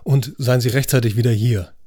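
A man's voice: medium pitch, fairly even intonation, a little fast, dark tone, dry recording, clean studio sound, lightly acted. A man voicing a driven prosecutor in an audiobook, firm and authoritative. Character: commanding, driven male prosecutor.

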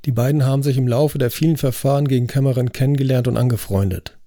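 A man voicing a gruff, skeptical middle-aged detective in an audiobook, blunt and grumbling. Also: medium pitch, fairly even intonation, fast talker, warm tone, no room sound, studio quality, natural voice.

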